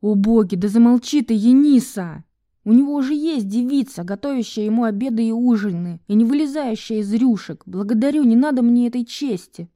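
A woman voicing a furious, foul-mouthed young woman who is trapped and defiant, swearing and sarcastic. She raises her voice high above her narrating tone. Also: expressive, brisk, warm tone, lightly acted. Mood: exasperated.

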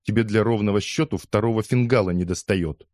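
A man reading an audiobook, voicing a furious, heavy-jawed middle-aged woman who shouts hoarse, spiteful abuse. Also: lowish voice, a little fast, no room sound, studio quality, natural voice.

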